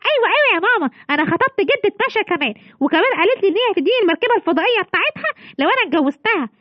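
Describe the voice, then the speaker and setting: A woman's voice: very high-pitched, sing-song, racing, dry recording, muffled recording. A woman with an Egyptian accent voicing a mischievous young boy in a children's toy story. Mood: eager. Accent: Egyptian Arabic. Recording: music playing behind.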